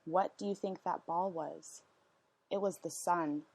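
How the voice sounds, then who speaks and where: A woman reading a storybook aloud as narration, with expressive, deliberate phrasing and questions to her listeners. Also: fairly low pitch, slightly rough. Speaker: storyteller reading a picture book.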